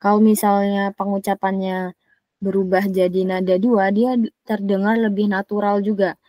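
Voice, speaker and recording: A woman tutoring a private Mandarin lesson, patiently modelling syllables slowly and repeating them. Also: mid-range voice, level tone, warm tone, no room sound. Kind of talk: private online language lesson.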